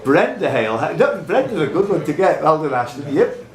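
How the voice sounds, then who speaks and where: Fairly quick and sing-song, a slightly high male voice runs a live pub quiz, reading the questions and trading jokey banter with the players. The room echoes, and a crowd of quiz contestants can be heard.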